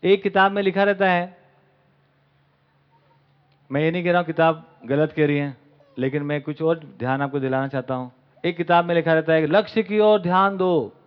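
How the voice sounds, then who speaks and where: A man's voice: fairly high pitch, fairly even intonation, moderate pace, pauses often. Male camp lecturer, raised voice, mixes in English words, rhetorical questions; muffled lo-fi audio. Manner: asks the audience rhetorical questions. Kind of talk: spoken lecture to a live audience. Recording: dull lo-fi recording.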